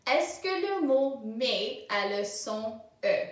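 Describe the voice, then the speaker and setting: Woman teacher with a higher voice, drills words slowly for kids and adds translations; recorded at a distance in a very echoey room. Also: lively intonation. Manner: slow and clear, repeating words and switching to English translations. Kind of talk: slow, simple French lesson for children.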